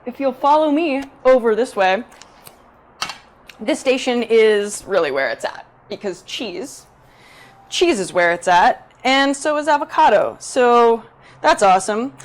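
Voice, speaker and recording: A young woman chats her way through a live cooking stream in her own home kitchen. Her voice sits a little high, and she talks loudly and eagerly. She speaks straight to the viewers the whole time. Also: animated, measured pace. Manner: bubbly, chatty, addresses viewers directly; self-described loud talker. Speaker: cooking video host. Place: home kitchen in a Brooklyn apartment. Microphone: 360 camera rig.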